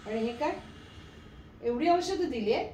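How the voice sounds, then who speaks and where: A woman's voice: sits high, lively intonation, a little slow, dark tone. Scolding older woman, echoey room. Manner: scolding, nagging. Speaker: wife. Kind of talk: comic sketch. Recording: echoey room, mic from a distance, faint noise.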